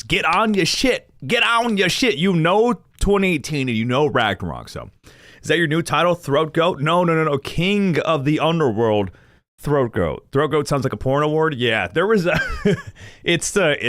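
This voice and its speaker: A man's voice: fairly high pitch, big pitch swings, fairly quick, fairly bright tone, dry recording, studio quality. Rambling young male gaming streamer. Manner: rambling, self-deprecating, laughs often. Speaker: gaming streamer reacting to lore videos. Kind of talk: casual rambling chat to viewers.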